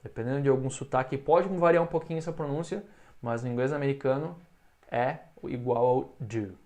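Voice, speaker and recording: Man teaching English, slow repeated phrases. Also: medium pitch, darkish tone. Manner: explains in Portuguese, models English phrases slowly for repetition. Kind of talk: recorded online English lesson.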